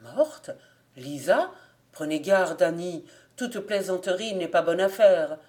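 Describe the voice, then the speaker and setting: A woman's voice: lowish voice, expressive, slow, darkish tone. A woman reading an audiobook voices a young male peasant who speaks earnestly and then in shock and reproach. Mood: alarmed.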